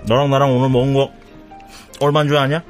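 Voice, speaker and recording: An actor playing a smooth-talking young recruiter who acts like a friendly older brother, chummy and persuasive. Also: male voice, medium pitch, little pitch movement, fast, faint music behind, natural voice. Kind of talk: TV drama acting.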